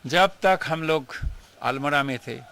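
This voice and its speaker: An older man tells stories about his guru in an interview, earnest and emotional. His voice sits a little high and sounds bright and forceful. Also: unhurried, gravelly, a little hiss or hum. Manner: emotional, earnest storytelling, mixing in English phrases. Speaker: swami recalling his guru. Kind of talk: reminiscing interview.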